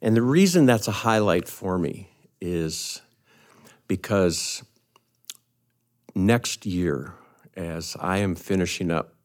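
An older pastor speaks on a podcast in a very deep voice. He tells his story in an easy, anecdotal way and makes fun of himself as he goes. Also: animated, slow, pauses often.

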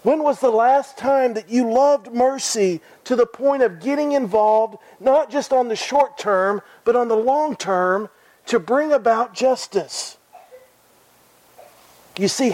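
A man's voice: very high-pitched, slow pace, dry recording, low-quality recording. A man preaching a sermon in an earnest way, repeating phrases and asking his listeners direct questions.

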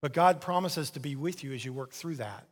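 A male pastor delivers a lively sermon in a church sanctuary, his voice sitting a little high for a man. He preaches with animated emphasis and repeats key phrases for effect. The room carries a long, lingering reverb. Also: a little fast. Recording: long reverb of a large hall.

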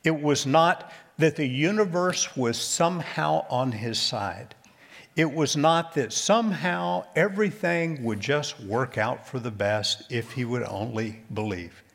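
A male pastor delivers a sermon at an unhurried, measured pace. His voice has a slightly husky, breathy edge. He often sinks to a soft, low near-whisper to stress a point. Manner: slow, deliberate preaching with quiet emphatic drops.

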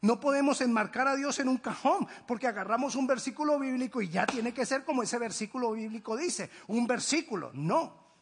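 High-voiced husky preacher man. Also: fairly quick. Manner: emphatic preaching, swinging between loud declarations and hushed asides. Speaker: pastor. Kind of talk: sermon.

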